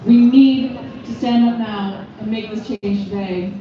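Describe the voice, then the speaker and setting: A young woman giving an impassioned rally speech at an outdoor street protest, forceful and full of repeated phrases. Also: a little high, fairly even intonation, a little slow, a little hiss or hum. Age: young adult. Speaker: youth activist speaker. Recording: echoey, distant, muffled outdoor PA sound.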